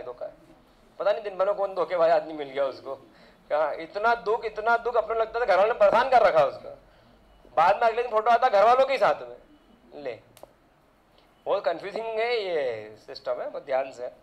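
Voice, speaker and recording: Man, physics teacher, high-pitched voice, chatty rambling lecture, rhetorical questions. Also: animated, fairly quick, muffled recording. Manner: chatty, drifts into side rants with rhetorical questions. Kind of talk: casual classroom lecture.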